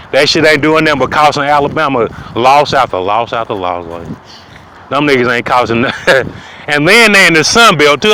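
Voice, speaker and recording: A man ranting profanely outdoors, preaching loudly at times and dropping to a low mutter. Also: poor audio. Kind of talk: outdoor rant to camera. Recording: wind noise outdoors.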